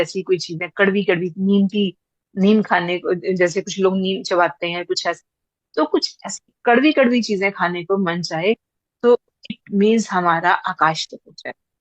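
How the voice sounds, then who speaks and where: A woman's voice: mid-range voice, fairly even intonation, unhurried, no room sound, highs cut off. A woman teaching a class, explaining patiently and repeating points with everyday examples. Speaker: teacher of breath practice.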